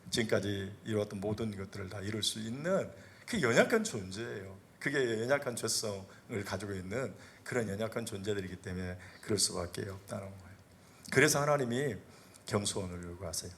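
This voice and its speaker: A middle-aged man preaching to his church in a bright, forward voice. His delivery swings between soaring, urgent exhortation and hushed asides, with a very lively pitch. He keeps asking the congregation questions and acts out voices from scripture. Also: a little fast, a little hiss or hum. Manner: dramatic, swinging between loud, rising exhortation and low, quiet asides. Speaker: senior pastor. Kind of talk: sermon. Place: church sanctuary.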